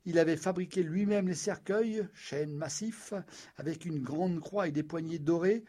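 A man narrating an audiobook in a measured, wry storytelling manner. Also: fairly high pitch, mellow.

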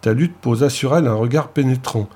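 Husky man reading an audiobook. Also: medium pitch, a little fast, mellow. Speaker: audiobook narrator. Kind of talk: audiobook narration.

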